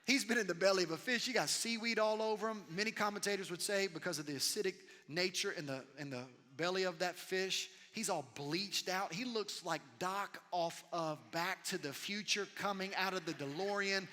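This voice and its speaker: A man preaching in a large church hall, his bright, forceful voice sitting a little high and ringing out with a long echo. He talks to the congregation casually, then suddenly cries out loud. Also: moderate pace, few pauses. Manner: animated, conversational preaching with sudden loud bursts. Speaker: pastor. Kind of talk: sermon.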